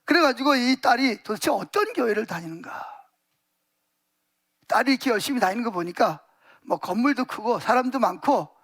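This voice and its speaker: A male pastor preaches in a church. His voice sits very high for a man. He tells stories vividly and packs his sentences with emphatic fillers. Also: fairly bright tone. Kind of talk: sermon.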